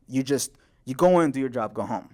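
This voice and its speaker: A man's voice: medium pitch, expressive, fairly quick, dark tone. Laid-back young man telling a story. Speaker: podcast co-host. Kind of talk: casual chat.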